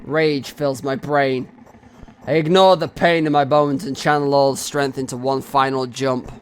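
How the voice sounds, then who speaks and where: A man's voice: mid-range voice, slight background noise. Man reading a game dramatically. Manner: slow, expressive reading that rises into anxious cries. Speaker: streamer reading a visual novel aloud.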